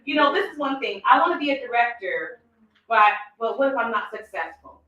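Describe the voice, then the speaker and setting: A woman's voice: a little high, big pitch swings, fairly quick, bright, forceful tone, very echoey, far from the mic, dull audio. A woman giving a motivational talk to her sales team, acting out quoted thoughts and laughing often.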